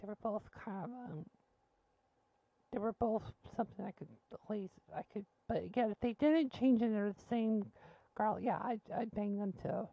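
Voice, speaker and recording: A woman's voice: medium pitch, moderate pace, no room sound, highs cut off. A woman hosting a call-in show, blunt and joking, rambling between callers. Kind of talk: casual call-in radio chat.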